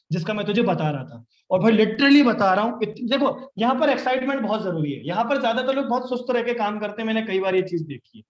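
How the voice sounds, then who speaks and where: A man's voice: high voice, roomy sound, muffled recording. A young man leading a live online sales training, talking with energy and coaching his listeners by acting out sample chats.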